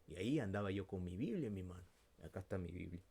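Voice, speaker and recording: A Peruvian man preaching with a Peruvian Spanish accent, telling a personal story and then praying, swinging between loud bursts and soft, hushed prayer. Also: low-pitched, lively intonation, fast, creaky, background noise. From Peru. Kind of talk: sermon with personal testimony and prayer.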